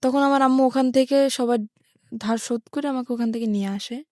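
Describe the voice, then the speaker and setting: A woman from rural Bangladesh, with a Bangladeshi accent, tells her life story step by step in a plain-spoken way as a radio interview guest. Her voice is high, steady, brisk and mellow, recorded with clean studio sound and no echo.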